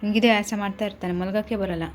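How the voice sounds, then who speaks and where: A woman's voice: medium pitch, fairly even intonation, rapid-fire. A woman with a Malnad Kannada accent chatting casually to her viewers at home and coaxing her little son in playful baby talk. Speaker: vlogger. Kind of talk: casual home vlog chat. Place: home indoors. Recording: noisy home phone recording.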